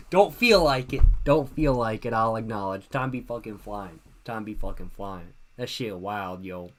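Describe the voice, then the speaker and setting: Slow and expressive, this fairly bright, lowish voice belongs to a livestream host in his twenties. He's relaxed and a bit drunk, reading chat questions aloud and answering in slang while repeating phrases.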